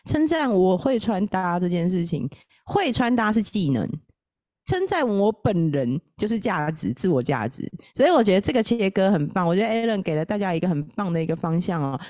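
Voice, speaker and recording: A woman hosting a podcast, talking in a giggly, self-deprecating, animated way. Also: medium pitch, a little fast, no room sound, studio quality. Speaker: podcast host, astrologer. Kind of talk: casual podcast chat.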